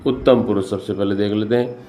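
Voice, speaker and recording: Male teacher, low warm voice, patient explainer for a grammar lesson. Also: steady tone, fast. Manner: patient, explains each point with examples; speaks with repetitions and self-corrections. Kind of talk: classroom-style grammar lesson.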